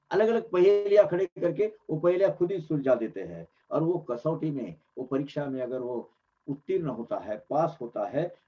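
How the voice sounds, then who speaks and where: A man giving earnest devotional commentary on scripture, explaining emphatically and often restarting his phrases. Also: a little high. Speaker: religious discourse speaker. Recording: dull lo-fi recording.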